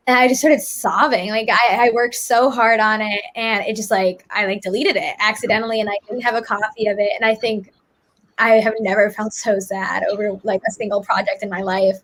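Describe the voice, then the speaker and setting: Young woman musing with many fillers. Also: medium pitch. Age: young adult. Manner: reflective, many fillers like "like" and "I think". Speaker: guest, student author and app maker. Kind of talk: casual interview answer.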